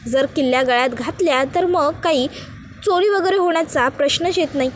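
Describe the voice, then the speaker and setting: A woman's voice: sits high, fairly quick, a little hiss or hum, natural voice. A woman voicing a young husband who teases his wife and scolds her mildly, in her own storytelling voice. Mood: teasing. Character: young husband, teasing yet gentle.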